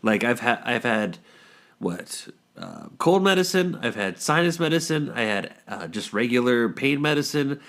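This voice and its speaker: A man's voice: mid-range voice, expressive, moderate pace, a bit bright. A man in his thirties hosting a podcast in casual, rambling chat, stuffed up from a cold. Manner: rambling, jokey, lots of fillers. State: congested from a cold. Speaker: podcast host.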